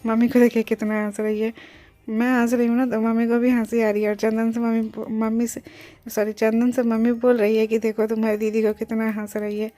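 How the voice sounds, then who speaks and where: Pregnant young woman vlogging her hospital trip, chatty, kinda mellow and flat, bit of music behind. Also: on the high side, brisk. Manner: chatty, explains as she goes, mixes in English words. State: pregnant, near delivery. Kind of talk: casual vlog narration.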